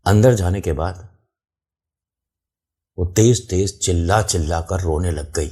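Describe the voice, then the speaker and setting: A man narrates a first-person horror story in a relaxed, conversational way. His voice is low and dark with a husky grain. He addresses the listener directly and walks through where everything was. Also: takes it slowly.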